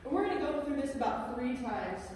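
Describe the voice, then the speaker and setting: A woman's voice: high-pitched, very animated, fairly quick, a little mellow. A woman instructing an exercise class, calling out counts and directions in an encouraging way. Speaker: exercise instructor leading gait training. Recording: echoey reverberant room, distant mic, faint noise.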